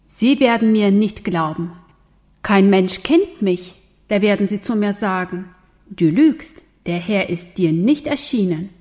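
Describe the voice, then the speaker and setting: A woman's voice: medium pitch, animated, unhurried, a little mellow, natural voice. A woman reading old Moses, fearful and hesitant. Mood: doubtful. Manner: hesitant, pleading. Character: Moses, an old male shepherd, fearful and doubting.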